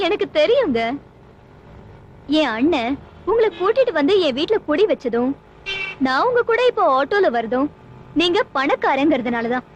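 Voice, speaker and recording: A woman's voice: high voice, sing-song, moderate pace, long pauses, low-quality recording. An actress playing a modest young college woman who answers politely and reservedly, in a film scene. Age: young adult. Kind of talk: comic film acting.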